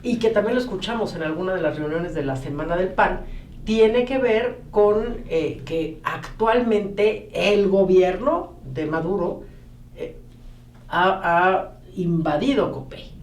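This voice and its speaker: A woman moderating a political panel discussion in a measured, steering way. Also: mid-range voice, expressive, a little mellow. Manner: measured, steering the talk, frequent backchannel. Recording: roomy echo, a bit far from the mic.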